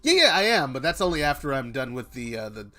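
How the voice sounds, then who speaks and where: A man chatting casually as a streamer, in a halting, jokey way. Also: medium pitch, big pitch swings, sharp tone, soft background music. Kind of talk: casual chat.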